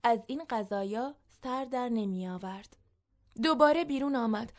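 Woman narrating a story, slightly high.

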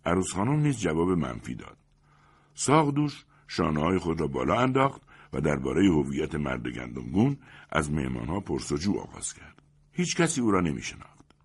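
A man's voice: extremely low pitch, husky. A man narrating a story aloud and reading each character's lines in a different voice. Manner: expressive, switching voices for characters.

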